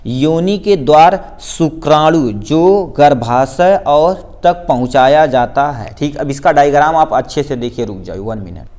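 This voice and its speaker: Man, biology teacher, higher-pitched voice, step-by-step explanations, frequent check-ins. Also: expressive, a little slow, few pauses, darkish tone. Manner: explains step by step, repeating key points with frequent checks of "theek hai". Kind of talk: class 10 board exam biology lesson.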